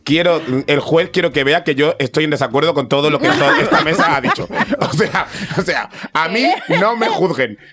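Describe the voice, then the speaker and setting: Co-host guy cracking jokes, laughs mid sentence, bit higher pitched. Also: lively intonation, moderate pace, few pauses, a bit bright, faint music behind. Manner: joking, laughs while talking. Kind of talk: casual chat.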